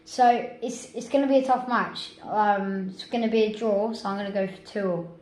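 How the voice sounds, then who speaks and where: A woman's voice: medium pitch, fairly even intonation, normal speed, darkish tone. A woman hosts a casual football prediction chat, talking in a chatty, hesitant way with many restarts. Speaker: host. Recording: echoey room, faint noise.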